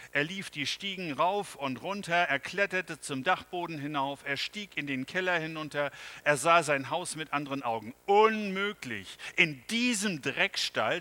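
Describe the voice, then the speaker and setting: A male pastor preaching a sermon, slow and dramatic, swinging from loud phrases to hushed near-whispers. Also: a little high, low-quality recording.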